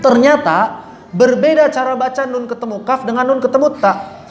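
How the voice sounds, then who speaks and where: A high voice at normal speed belongs to a Quran recitation teacher whose class echoes each line back. The teacher breaks the lesson into steps, models the sounds, asks and answers their own questions, and corrects errors firmly, all in an echoey room with faint noise.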